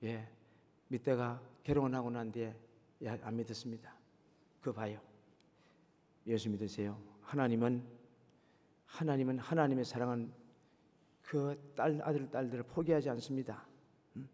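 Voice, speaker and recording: A man's voice: mid-range voice, steady tone, moderate pace, long pauses, mellow. A man preaching a sermon, earnestly exhorting his congregation and firing rhetorical questions at them. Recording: long reverberant hall.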